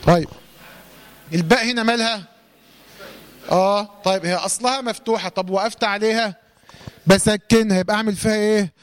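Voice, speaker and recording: High-voiced Egyptian man teaching recitation. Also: fairly even intonation, clear, resonant tone. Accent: Egyptian Arabic. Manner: quizzes, corrects, then recites verses slowly and drawn-out. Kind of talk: tajweed lesson, call-and-response drilling.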